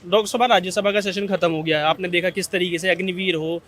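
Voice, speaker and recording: A man's voice: high voice, steady tone, fast, a bit bright. A male interviewer putting long, listing political questions to people in a street interview.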